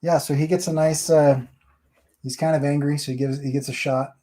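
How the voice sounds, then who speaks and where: A man's voice: fairly high pitch, little pitch movement, fairly quick, mellow. Chatty man reviewing comics. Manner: rambling, chatty, summarizing a comic page by page. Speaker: comic book review host. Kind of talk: casual chat.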